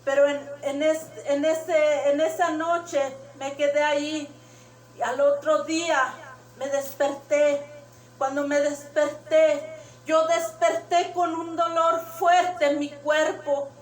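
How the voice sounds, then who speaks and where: High-voiced woman giving church testimony. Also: little pitch movement, slow. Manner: emotional, retells dreams and quotes. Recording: echoey room, distant mic.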